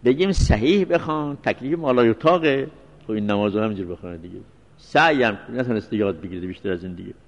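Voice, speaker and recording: A male seminary teacher giving a religious law lecture, repeating references slowly and mixing in recited phrases. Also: fairly low pitch, lively intonation, lo-fi sound. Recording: long reverberant hall sound.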